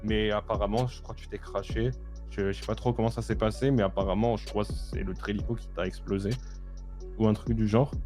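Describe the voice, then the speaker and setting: A man's voice: fairly low pitch, fairly even intonation, brisk, darkish tone, faint music behind, close to an everyday voice. A man playing a reassuring friend in an improvised online game role-play, talking in slangy, repetitive phrases. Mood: explaining. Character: reassuring male friend driving casualty to hospital.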